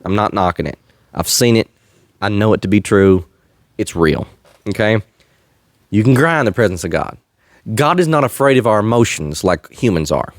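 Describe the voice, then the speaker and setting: Man, podcast host, faith chat, earnest and preachy, lowish voice, dry close sound. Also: lively intonation, moderate pace, long pauses, no room sound. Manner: earnest, preachy, chuckling often. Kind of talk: faith-based casual chat.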